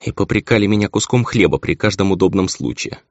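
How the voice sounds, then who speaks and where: A man's voice: medium pitch, big pitch swings, moderate pace, husky, dry recording, voice pushed up. A man voicing a bitter, scornful noblewoman and mother in a raised voice, on a dull, lo-fi recording.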